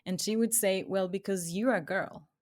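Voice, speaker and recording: Chatting casually as a podcast co-host, a woman from Ecuador shares a personal story and laughs frequently. She speaks at normal speed in a steady, mid-range voice, her phrases trailing off softly.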